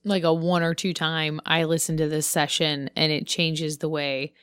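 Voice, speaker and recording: A woman's voice: low-pitched, little pitch movement, moderate pace, smooth, dry recording, studio quality. A woman co-hosting a podcast, asking questions in a hesitant, casual way, often saying "like" and "I don't know". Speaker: podcast co-host.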